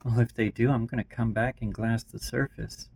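A man's voice: mid-range voice, level tone, moderate pace, creaky, a little mellow, husky. A man playing a blunt, weary vampire survivor. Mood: determined. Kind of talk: amateur story reading.

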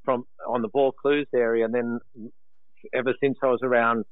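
A man's voice: mid-range voice, flat delivery, normal speed, no echo. An Australian man talking in a plain, colloquial, matey way as a guest in a casual interview over the phone. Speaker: guest, sprint coach. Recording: tinny phone line.

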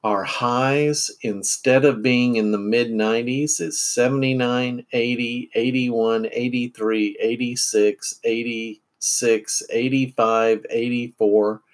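A man's voice: medium pitch, steady tone, slow pace, few pauses. A middle-aged man from central Illinois hosting a casual morning podcast from home, rambling with many fillers and restarts. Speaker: podcast host.

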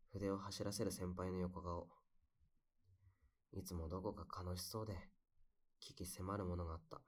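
A young man playing a heartbroken guy who softly confides about lost love in casual, wistful, intimate pillow talk. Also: low-pitched. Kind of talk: intimate pillow-talk audio role-play.

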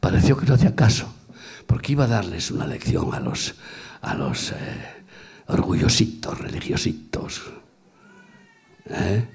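A middle-aged man preaching a sermon in a gravelly, husky voice. His pitch leaps and falls with lively swings. He pushes some phrases out at full force and drops others to a near-whisper, repeating words to drive them home. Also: measured pace, pauses often. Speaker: pastor. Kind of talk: sermon at a women's retreat. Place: church hall before a congregation.

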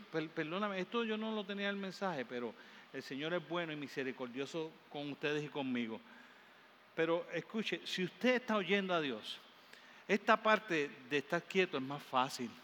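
A man with a Caribbean Spanish accent preaches with fervor. His voice sits high and cuts bright through the space. A long hall reverb trails each emphatic phrase. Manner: fervent, builds up in emphatic repeated phrases. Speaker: pastor. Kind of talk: sermon. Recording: long hall reverb, faint room noise.

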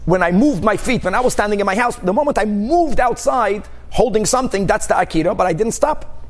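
A man's voice: high voice, expressive, brisk. A man, a rabbi, teaching a religious text class, reading aloud and explaining with examples and rhetorical questions in an informal way.

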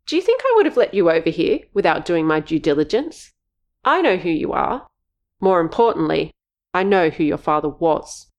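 A woman narrator voices a steady middle-aged father, shrewd and calm. He speaks in a measured, soothing way in a storybook reading, close to the reader's own voice. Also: fairly low pitch, highs cut off. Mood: knowing.

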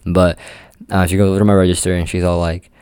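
A man's voice: deep voice, little pitch movement, quick pace, mellow, clean tone, no echo, clean studio sound. A young man telling a work story in a casual, rambling way, full of "like" fillers. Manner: rambling, heavy use of "like" fillers. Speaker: amusement park game attendant.

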